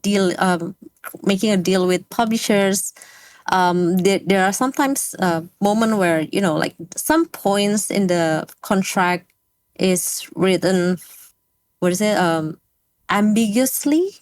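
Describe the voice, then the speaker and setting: An Indonesian woman with an Indonesian accent, a game industry guest, speaks English as a second language in a casual interview, pausing often with fillers while searching for words. Her voice is medium pitch, and there's no echo.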